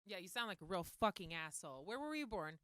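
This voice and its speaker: Smooth-voiced, blunt swearing woman co-host. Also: lowish voice, big pitch swings, fast, a bit bright, no echo. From Germany. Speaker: podcast co-host. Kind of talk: casual podcast banter. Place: basement podcast studio.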